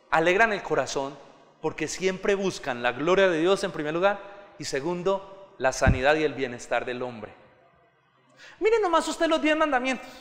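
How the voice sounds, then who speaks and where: A man's voice: high-pitched, fairly bright tone. A man preaching a sermon with passion, rising to fervent exclamations and acting out everyday scenes. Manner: acts out everyday scenes and quoted voices. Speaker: pastor. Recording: reverberant hall.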